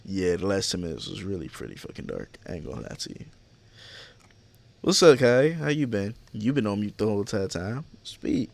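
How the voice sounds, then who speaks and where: A man's voice: on the low side, big pitch swings, fairly quick, vocal fry, no echo. A young man hosting a podcast, chatting casually with friends on a voice chat, slangy, laughing and swearing freely. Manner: laid-back, slangy, swears a lot, laughs often. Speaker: podcast host.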